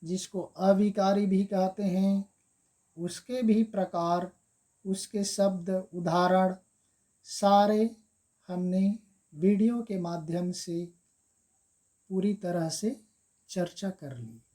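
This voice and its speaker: A woman's voice: medium pitch, slow, pauses often, dark tone. A woman teaching Hindi grammar for exam preparation, going through examples step by step and repeating them with stress on key words. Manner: addresses viewers as friends, step-by-step explaining. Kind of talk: exam-prep grammar lesson.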